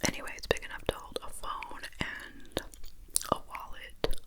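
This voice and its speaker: A woman whispering a rambling, musing ASMR monologue to viewers, chewing gum with tingly mouth sounds as she speaks. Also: normal speed. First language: English. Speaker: ASMR video host.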